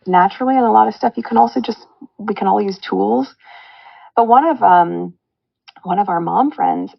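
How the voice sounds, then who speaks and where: Heartfelt woman with a gravelly voice. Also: lowish voice, no room sound, lo-fi sound. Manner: heartfelt, reflective. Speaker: guest. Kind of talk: casual podcast chat.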